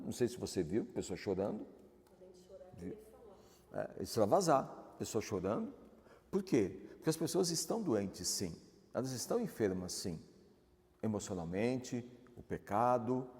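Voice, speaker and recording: Male pastor, Brazilian accent, animated chatty sermon, long church reverb. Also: lowish voice, unhurried, long pauses. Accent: Brazilian Portuguese. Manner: conversational, asks the audience questions.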